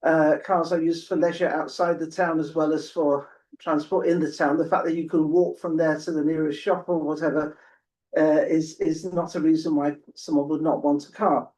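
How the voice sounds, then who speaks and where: A man speaking as a town councillor in a committee meeting, measured and somewhat apologetic, with restarts. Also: fairly high pitch, level tone, a little mellow, distant mic.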